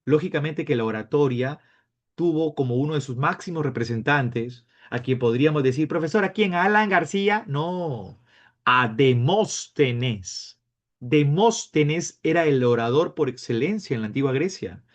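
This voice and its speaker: A man teaching a class, lively and playful, acting out his students' questions. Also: medium pitch, measured pace. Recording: dull lo-fi sound.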